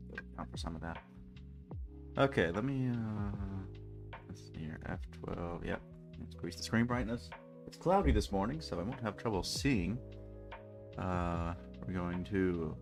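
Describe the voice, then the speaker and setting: A man with a low, gravelly voice and a stuffy nose streams a game. He chats casually with his chat, rambling and joking.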